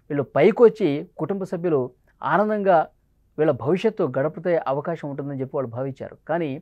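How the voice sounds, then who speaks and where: A man's voice: fairly high pitch, no echo. A man giving somber, urgent news commentary that mixes pointed questions with grave reflection. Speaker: news presenter. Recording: dull lo-fi dry sound.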